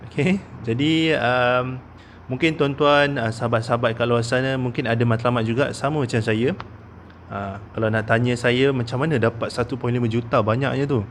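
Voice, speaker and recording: A man in his thirties with a Malaysian Malay accent gives a casual investment talk as a consultant, using many "ah" fillers and "okey?" tags. His voice is medium-pitched and steady at a moderate pace, with a little hiss or hum.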